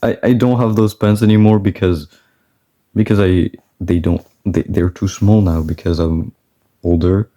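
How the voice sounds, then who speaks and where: A man's voice: deep voice, fairly even intonation, measured pace, warm tone. A man of twenty-one chatting casually and rambling, often stopping himself mid-sentence and laughing. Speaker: artist vlogger. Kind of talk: casual chat.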